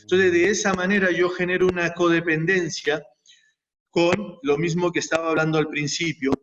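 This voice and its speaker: A man's voice: a little high, little pitch movement, moderate pace, fairly bright tone. A man speaking as a guest, explaining his ideas step by step and building them up in repeated lists. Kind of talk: reflective explanatory talk. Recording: distant, muffled mic with faint noise.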